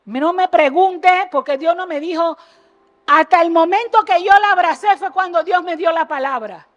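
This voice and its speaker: A woman preaching an impassioned sermon in a church, jumping between loud exhortation and low earnest asides and firing rhetorical questions at the congregation. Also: normal speed, highs cut off. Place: church sanctuary.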